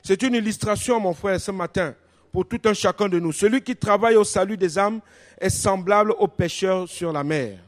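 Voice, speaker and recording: A male pastor preaching a sermon in a church, telling stories with animation, his voice dropping to a hush and then rising loudly. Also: high voice, normal speed. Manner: animated storytelling, swings between hushed and loud.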